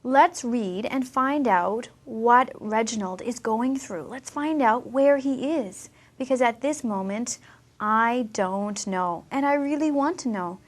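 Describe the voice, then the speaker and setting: Slow, expressive woman teaching children. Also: fairly high pitch. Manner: expressive, asks listeners questions. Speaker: English teacher. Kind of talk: storybook reading lesson for children.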